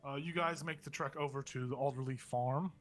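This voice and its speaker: A man's voice: mid-range voice, steady tone, brisk, soft background music. A man working as game master, casually narrating a tabletop role-playing session.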